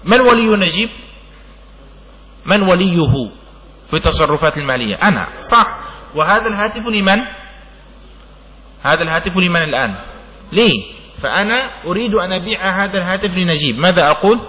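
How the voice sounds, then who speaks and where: Male sheikh lecturer, bright higher voice, long hall echo, slow reading then explaining. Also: lively intonation. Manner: reads the text slowly, then explains with examples and asks "clear?". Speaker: sheikh teaching Islamic jurisprudence. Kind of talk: classroom lecture on a legal text.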